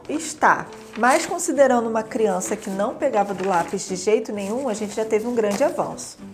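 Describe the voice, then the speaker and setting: A woman's voice: fairly high pitch, darkish tone. A young adult woman with a Brazilian Portuguese accent explains teaching materials in a casual, chatty way, often checking in with tag questions.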